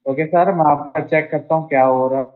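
A man playing a calm, polite doctor in a roleplay. His voice sits a bit high. It comes through thin and tinny, like a phone line. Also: brisk. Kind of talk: casual roleplay.

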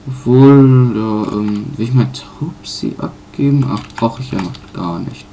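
A man casually commenting on his own playthrough, pausing often with fillers and correcting himself. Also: mid-range voice, warm tone, a little hiss or hum. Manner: halting, many fillers and self-corrections. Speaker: let's player.

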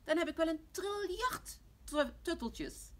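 A woman's voice: sits high, very animated, a little slow, a little mellow, voice pushed up. A woman doing a whiny, tearful little boy. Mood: delighted. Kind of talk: storybook reading.

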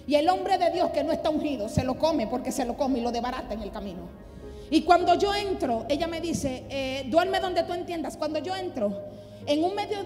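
Woman pastor preaching hard, dramatic testimony, long echo in a big church hall. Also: very high-pitched. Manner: impassioned, dramatic storytelling, builds to loud exhortation. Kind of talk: sermon with personal testimony. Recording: reverberant hall with music underneath.

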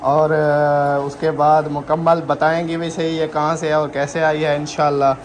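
A man's voice: on the high side, unhurried. A young man chatting casually on a family vlog, filming himself with a phone at arm's length in a small room of a village house. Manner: lively, talks sing-song baby talk to a toddler. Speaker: vlogger. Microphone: phone camera held at arm's length. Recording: noisy home phone recording.

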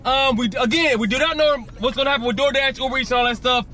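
A high, bright-voiced man in his thirties talks fast and with a lot of energy. He films himself inside his car on a dash camera, riffing in rhymes and tossing "baby" into every other line as he vlogs his delivery shifts. Soft music runs underneath. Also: steady tone. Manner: hypes rhymes, keeps saying baby. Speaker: gig delivery driver vlogger. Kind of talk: casual ride-along vlog. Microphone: dash camera facing driver.

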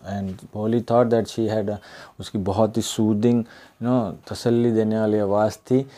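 Deep-voiced Indian English teacher. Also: male voice, level tone, dark tone. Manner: reads a line, then repeats and paraphrases it slowly. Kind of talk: explaining a school text.

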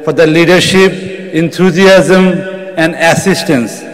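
A middle-aged man giving a formal welcome speech from a podium microphone in a large convention hall. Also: fairly high pitch. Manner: reads a prepared address at a podium.

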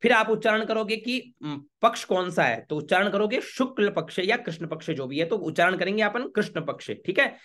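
A man, a priest teaching a home worship ritual step by step, chanting Sanskrit lines slowly and checking with the listener often. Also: sits high, animated, fairly bright tone. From Rajasthan, India. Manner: patient, repeats checks like "okay?".

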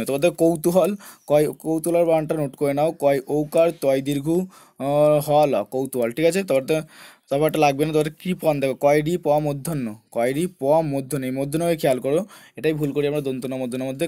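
A man's voice: a little high, steady tone, fast, warm tone. A man teaching a spelling lesson for exam students, spelling words out letter by letter and repeating the key points.

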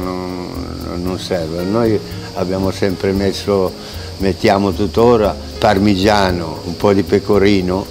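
A man in his eighties with a very low, deep voice tells his story with unhurried pride, often restarting his sentences. He speaks into a lapel mic on an open restaurant terrace, with music playing clearly beneath him. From Italy. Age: 80s. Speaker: restaurant owner and chef. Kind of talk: interview, reminiscing. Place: covered restaurant terrace outdoors.

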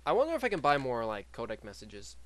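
A man giving casual running commentary while he plays a game, excitable, with yelling bursts between muttered remarks. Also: medium pitch, fast talker, no echo. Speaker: gameplay commentator. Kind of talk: casual live gameplay commentary.

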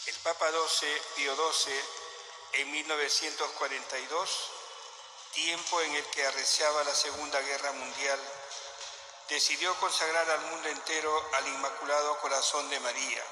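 A man speaking as a priest at Mass, reading scripture and preaching in a solemn, measured way with a cathedral echo. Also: on the high side, fairly even intonation, sharp tone. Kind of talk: liturgical gospel reading and homily. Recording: cathedral-like echo, long reverb, noisy background.

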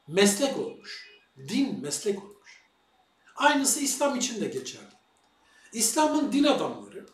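A man giving a lecture-style monologue as a religious commentator, posing rhetorical questions to his viewers. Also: high voice. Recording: echoey room, far from the mic.

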